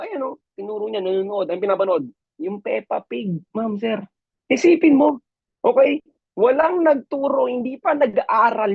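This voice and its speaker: A man from the Philippines, a business mentor giving a lively motivational seminar talk and often addressing his audience as ma'am and sir. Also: extremely high pitch, dry recording. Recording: dull lo-fi, dry sound.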